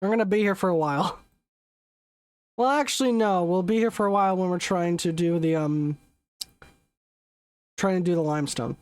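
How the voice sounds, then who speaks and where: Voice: medium pitch, steady tone, fairly quick, pauses often, a little mellow, smooth, dry recording. A young adult game streamer chatting casually during a live session, rambling, correcting themselves often and swearing offhandedly. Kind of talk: casual live gameplay commentary.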